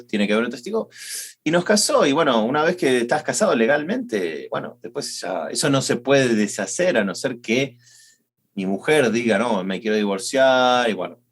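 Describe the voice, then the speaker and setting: A middle-aged man from Argentina with an Argentine Spanish accent, chatting casually as podcast co-host, rambling and repeating himself, with slangy speech. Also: mid-range voice. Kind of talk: casual chat.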